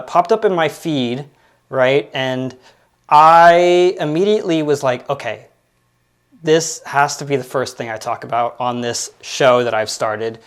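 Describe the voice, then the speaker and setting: A man in his late twenties hosting his own pop culture podcast, talking casually and rambling with lots of fillers and restarts. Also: medium pitch. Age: 20s. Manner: rambling, filler-heavy, self-deprecating. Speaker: podcast host. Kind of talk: casual solo commentary.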